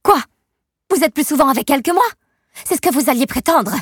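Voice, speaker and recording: A woman doing a haughty, shrill rich mother. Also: normal speed, no room sound, clean studio sound. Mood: accusing. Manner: reproachful, shrill and accusing. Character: haughty, short-tempered wealthy young mother.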